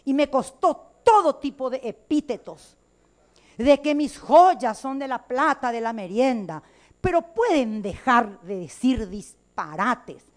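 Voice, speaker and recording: A woman lawmaker with a Paraguayan Spanish accent delivers a floor speech in the chamber. Her voice sits a little high, and she speaks emphatically, with indignation and fight. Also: expressive, slow. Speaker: legislator. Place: legislative chamber.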